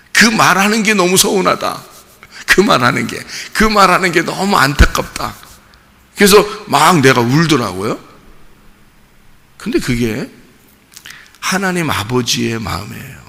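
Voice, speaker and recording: A male pastor preaches in an intensely gravelly, bright voice, talking to the congregation in a conversational way and tossing out rhetorical questions. His sermon rings with the long reverb of a church hall. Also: fairly high pitch, sing-song, a little slow, long pauses.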